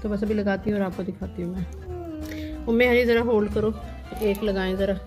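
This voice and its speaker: A woman's voice: mid-range voice, lively intonation, moderate pace, music in the background. A woman with a Punjabi accent, a mother, chatting casually to camera at home as she explains and demonstrates something, repeating little check-ins to her viewers. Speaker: family vlogger, mother. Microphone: phone camera held by her child.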